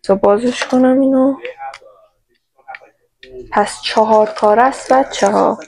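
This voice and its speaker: A woman's voice: fairly high pitch, steady tone, over music, poor audio. A woman from Iran chatting playfully to her viewers in a casual shopping haul vlog, recorded on her own microphone. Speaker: vlogger.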